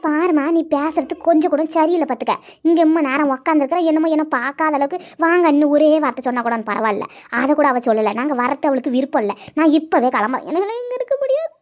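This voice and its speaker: A woman's voice: high-pitched, fast talker, close to an everyday voice. Woman voicing a sulky, hurt sister-in-law in a cartoon. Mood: aggrieved. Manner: complaining, hurt and scolding. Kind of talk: cartoon voice acting. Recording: dull lo-fi audio.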